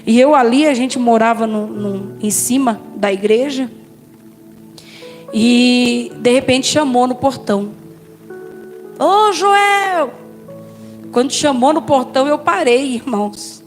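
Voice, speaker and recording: A Brazilian woman pastor giving a personal testimony, telling her story in a lively way and addressing the listeners as brothers and sisters. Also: on the high side, measured pace, faint music behind. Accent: Brazilian Portuguese.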